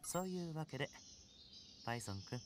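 A man voicing a suave young top-ranked gamer in a Japanese anime game, speaking with smooth, courteous confidence and quiet menace. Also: a little high, lively intonation, a little hiss or hum, natural voice. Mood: polite, confident. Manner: smooth, courteous, unhurried phrasing with cool confidence.

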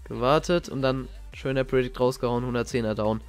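A young man giving casual, slangy reaction commentary as a gaming YouTuber, excitable and reminiscing. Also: mid-range voice, a little fast, smooth. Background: faint game music.

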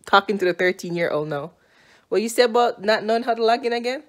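A mother and vlogger in her thirties with a Jamaican accent films a family vlog on a phone held at arm's length, moving through a small room and hallway of a house. Her voice is a little high and fast as she teases, sasses and scolds with dry humor.

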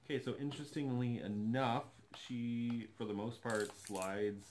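Against a noisy background, a man speaks unhurriedly in a mid-range voice with a steady tone. He's a doll collector vlogger in his thirties unboxing a doll on his living room sofa, chatting casually and thinking aloud with enthusiasm.

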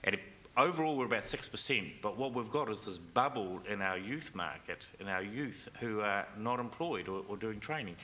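A man's voice: lowish voice, expressive, normal speed, pushed and bright, slight background noise. A man speaking earnestly and urgently as a panelist at a conference discussion. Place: convention centre stage.

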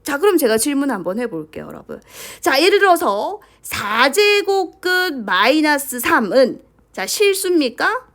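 Female math teacher, animated pitch, high-ish voice, prompting students with constant questions. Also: moderate pace. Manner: lively, keeps asking questions and prompting with "자". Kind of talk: lecture to students.

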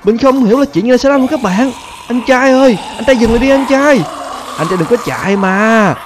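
A man voicing a glitched male zombie demon with a raspy, croaking voice, excitedly exclaiming to viewers. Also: sits high, normal speed, background noise. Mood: alarmed.

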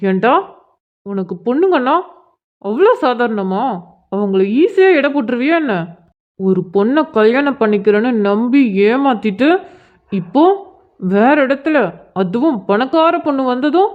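A fierce cartoon schoolboy scolds and threatens a grown man to protect an older sister figure, voiced by a woman. The voice is slightly high and confrontational, and it sounds tinny, as if heard over a phone. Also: expressive, measured pace, pauses often. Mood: angry.

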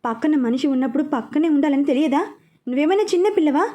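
A woman voicing a protective, quick-tempered young man who scolds out of worry. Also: sits high, dark tone, close to an everyday voice. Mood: angry. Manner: scolding, anxious.

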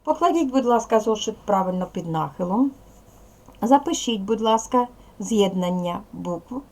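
A woman with a Ukrainian accent, a primary school teacher giving a recorded lesson to young children in slow, clear instructions. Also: medium pitch, animated, a little mellow.

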